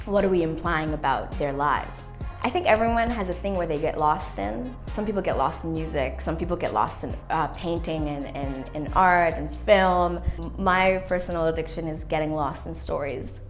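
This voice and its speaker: A Canadian playwright and youth worker in her twenties, a native English speaker, is interviewed for a documentary. Her slightly low voice sounds earnest and reflective with a motivational drive, while faint music plays softly in the background.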